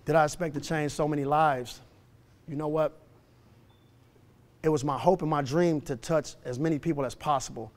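A man's voice: on the high side, steady tone, normal speed, pauses often. A man from Detroit, a boxing gym founder and coach, speaking earnestly and plainly in a documentary, often repeating his phrases. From Detroit, USA. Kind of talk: documentary interview and talk to students.

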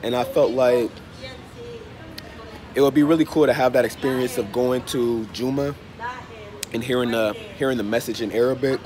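In a noisy open-fronted cafe or hostel bar, a travel vlogger in his thirties with a stuffy, congested nose chats casually to the phone he holds at arm's length. Under the weather, he speaks unhurriedly at medium pitch in a steady tone, repeating phrases, with crowd noise, traffic, and street sounds behind him.

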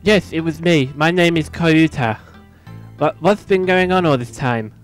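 A man's voice: a little high, a little slow, soft background music, lightly acted. A man voicing a naive young male dragon, the son of a dragon god, talking in an earnest, polite, worried way.

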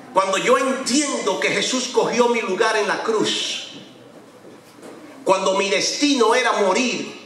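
A middle-aged pastor, preaching an animated sermon in a church. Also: male voice, high voice. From Dominican Republic. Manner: animated preaching, acts out conversations with changing voices. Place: large church sanctuary. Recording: echoey church hall, voice from far off.

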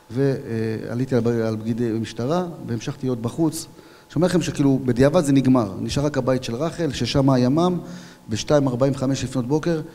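A young police officer tells his story at an event, his voice dark and mellow with a long hall reverb trailing behind it. He tells it with animation and bursts into shouted dialogue as he acts out each scene. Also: mid-range voice. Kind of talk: personal testimony at a public event.

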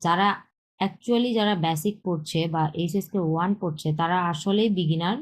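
A woman, her voice sitting a little low, teaches beginner Chinese. She walks through vocabulary patiently, repeating each word slowly and mixing in English terms as she explains. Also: a little hiss or hum, poor audio. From Bangladesh. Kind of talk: slow explanatory lesson with drilled pronunciation.

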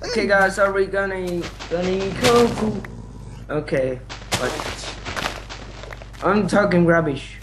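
A man's voice: sits high, slow pace, long pauses. A man chatting casually while playing a game with friends, rambling and giggly and often trailing off. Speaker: game player. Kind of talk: casual gaming chat. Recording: noisy voice chat capture.

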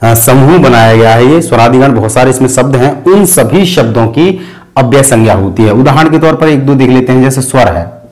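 A man at a middle pitch teaches a grammar lesson patiently. He stops often to check that the class is following. He slows down and softens his voice to recite each rule. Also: lively intonation, low-quality recording. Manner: patient, breaks terms into parts, many fillers and "thik hai"; chants sutras slowly and softly. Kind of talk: explanatory lesson.

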